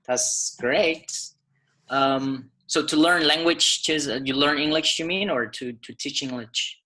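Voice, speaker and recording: A man's voice: a little high, a little slow, bright, forceful tone, poor audio. A man hosting an online teacher webinar over a video call, speaking with many fillers and restarts. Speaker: webinar host. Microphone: computer mic on a video call.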